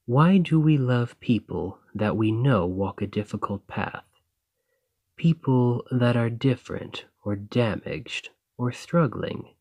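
In an intimate romantic ASMR roleplay, a man voices a lovestruck dragon librarian speaking slowly and softly to his beloved, the listener. His mid-range, husky delivery is earnest, gentle and a bit shy, like an earnest reading. The sound is very dry and close.

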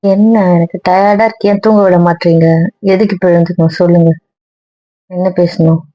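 A woman's voice: on the low side, steady tone, fairly quick, no echo. A woman with a mid-range voice speaks wearily and sulkily in an audio drama. The recording is dull and dry, with no room sound. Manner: weary and sulky. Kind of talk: Tamil audio drama acting.

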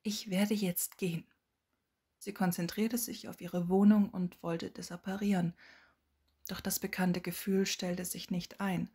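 A woman narrates a fan fiction audiobook with a husky, breathy voice. Her delivery is soft and often drops to a hush. Her pitch sits low for a woman. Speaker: audiobook reader.

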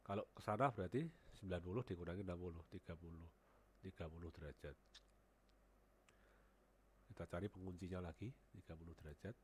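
Sick with a cold, a man talks through a screen-recorded CAD tutorial on a headset, reasoning aloud and saying numbers back as he enters them. He's low-pitched and fairly quick but leaves long pauses, and there's a little hiss or hum.

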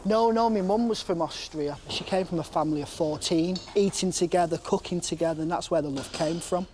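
A British man, a cooking contestant, talking in an excitable, giggly way. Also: on the high side, brisk. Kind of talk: interview and casual chat. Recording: music under the voice.

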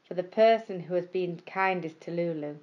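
A woman voicing a kindly, motherly farmer's wife who explains things gently and patiently. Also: lowish voice, normal speed, dull audio, natural voice. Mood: gentle.

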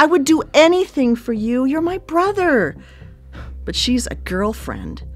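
A woman with a slightly high, somewhat bright voice acts in a naturalistic radio drama as an anxious caretaker and a devoted, possessive sister. Her delivery is halting, sincere and pressing.

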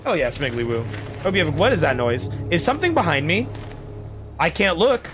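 A man live streaming casual game commentary in an excitable, joking, sweary way. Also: on the high side, a little fast. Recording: music and game sound underneath.

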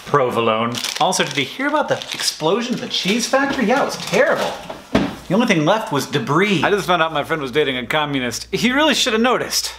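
A man's voice: on the high side, quick pace, background noise. A man in his thirties, a new father, telling dad jokes to camera in a playful comedic vlog. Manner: playful, animated joke delivery with mock dialogues. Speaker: video blogger, new dad.

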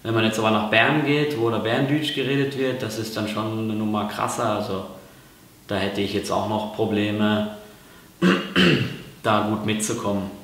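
A man's voice: lowish voice, normal speed, fairly bright tone. Hesitant German man in echoey room. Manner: hesitant, lots of fillers and restarts. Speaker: vlogger. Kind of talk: casual explainer vlog.

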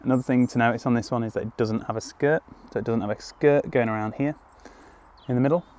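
This young foraging guide from the United Kingdom has a mid-range, darkish voice and talks at a quick pace. Crouched in a woodland clearing, he walks through the process step by step, with relaxed ums and restarts along the way. A tripod camera several metres away films him.

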